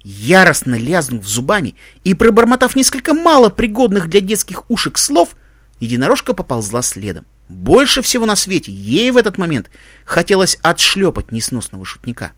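A man narrating a fan fiction story with expressive, dramatic storytelling. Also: high voice, normal speed, dry recording, studio quality. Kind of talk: audiobook fan fiction reading.

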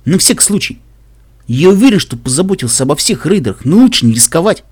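A man's voice: on the high side, very animated, quick pace, a little mellow, husky, no echo, voice pushed up. A man voicing a brave, cheerful male pegasus caravan guard in an audiobook, speaking boldly and reassuringly. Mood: hearty.

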